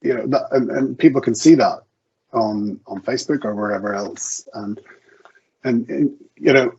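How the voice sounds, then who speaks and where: A guest author at an online video event, this man has a medium-pitched, gravelly voice that's a little mellow with a breathy edge, at normal speed. He chats hesitantly, stammering, correcting himself and restarting as he thinks aloud, through muffled, lo-fi call audio.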